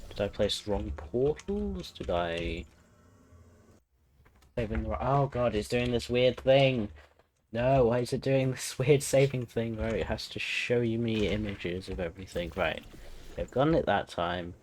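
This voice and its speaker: A man's voice: medium pitch, a little slow, a little mellow, slight background noise. A man streaming a game, muttering to himself in frustration as he plays. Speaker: gaming streamer. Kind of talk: casual live-stream commentary while playing.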